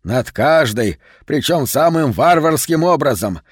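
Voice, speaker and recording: A cranky bookseller , as a male audiobook reader puts him on, grumbles in a higher, louder register than the narration. He scolds and complains throughout. The recording is close and dry. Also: animated, unhurried, no room sound. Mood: bitter.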